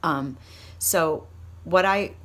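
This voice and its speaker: Drawing out her words in a low, slightly bright voice, a woman leads an informal training talk with acted sample pitches. She comes across as a candid, chatty coach, encouraging and emphatic toward new consultants.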